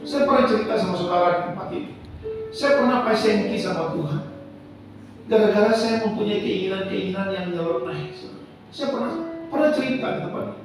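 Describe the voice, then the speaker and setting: A man's voice: sits high, fairly quick. An older man from Sumatra preaching a sermon, telling personal stories and calling the congregation "saudara" again and again. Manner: addresses the congregation as "saudara" constantly. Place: church hall. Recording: echoey hall from far off with music.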